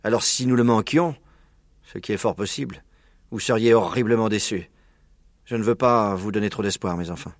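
A man's voice: on the low side, normal speed, pauses often, no echo, studio quality, lightly acted. A man voicing a cunning, proud fox father who leads his cubs, in a storybook reading. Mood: cautious. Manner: gleeful shouts when excited, hushed whispers when careful.

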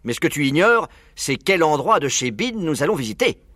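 A man reading a storybook aloud and voicing Mr Fox, a clever, confident fox father, in a lively, emphatic, raised voice. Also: on the high side, a little fast, no room sound, studio quality, voice pushed up. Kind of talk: audiobook reading.

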